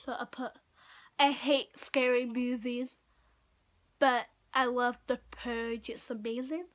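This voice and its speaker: Here a teenage Portuguese girl, around 15, talks casually to the camera indoors in a small room at home, showing things while faltering, using "like" often and trailing off. The pitch is fairly high, the tone level and fairly bright. The sound comes from a built-in device mic at arm's length or a little beyond.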